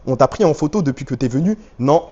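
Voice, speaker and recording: This live streamer talks fast at a medium pitch, with lively intonation and a dark tone, chatting in slang with viewers and reading out their messages. He's using a handheld phone rig with a stabilizer, and the top end of the sound is cut off.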